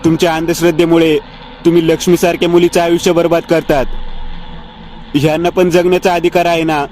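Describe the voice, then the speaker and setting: Man voicing a hot-tempered young man, defiant, high voice, storybook horror. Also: level tone, brisk, darkish tone, a little hiss or hum, close to an everyday voice. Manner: pleading and angry outbursts.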